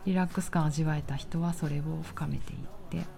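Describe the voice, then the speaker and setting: A woman leading a guided grounding meditation, speaking slowly and soothingly with pauses as an exercise guide. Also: low voice, fairly even intonation, creaky, over music. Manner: slow, pausing, soothing delivery.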